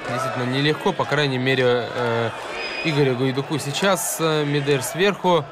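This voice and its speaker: Man, live fight commentary, medium pitch, halting phrasing, loud crowd, heavy venue noise. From Russia. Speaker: MMA commentator.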